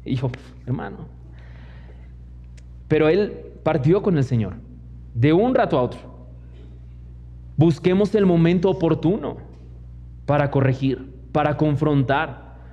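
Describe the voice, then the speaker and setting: In a church hall, a young Mexican pastor with a Mexican Spanish accent preaches a sermon built on personal stories, mimicking the people in them through quoted asides. His voice is a little high and unhurried, with frequent pauses. The recording is dull and lo-fi, with a long church hall reverb.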